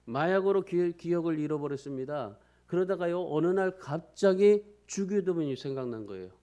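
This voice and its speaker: A man's voice: on the high side, lively intonation, moderate pace, mellow. Earnest pleading man preaching a sermon. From South Korea. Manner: storytelling preacher, earnest and pleading, with frequent restarts. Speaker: pastor.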